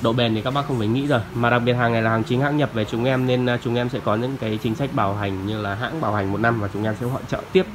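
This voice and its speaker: A man's voice: medium pitch, fairly even intonation, fast, hardly any pauses, background noise. A man giving a polite, hesitant product demo as an audio shop salesman. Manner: polite, deferential, with frequent hesitations. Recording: music playing clearly behind.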